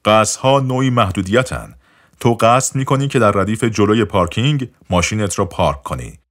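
A man voicing a calm male healing teacher who speaks patiently with light, wry teasing, in an audiobook. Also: on the low side. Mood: gently teasing.

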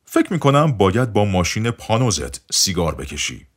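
An easygoing spiritual teacher who speaks in a relaxed, matter-of-fact way, as a male narrator reads him. The voice sits low but moves up and down freely. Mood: calm.

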